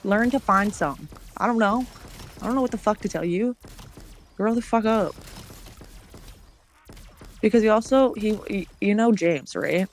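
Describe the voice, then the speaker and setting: A woman's voice: mid-range voice, a little slow, pauses often. A woman streamer telling a long story in casual chat. She acts out the other people's lines and swears often.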